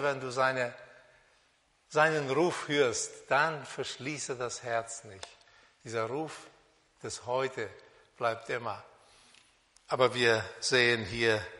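Slow-speaking preacher in a reverberant hall. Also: male voice, medium pitch, sharp tone. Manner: slow, deliberate, with pauses and fillers. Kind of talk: sermon on a Bible text.

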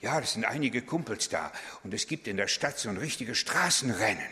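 A middle-aged man voicing his frightened sixteen-year-old son in a hushed, half-whispered tone. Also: on the low side, expressive, a little fast. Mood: scared. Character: frightened teenage boy, sixteen. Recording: long hall reverb.

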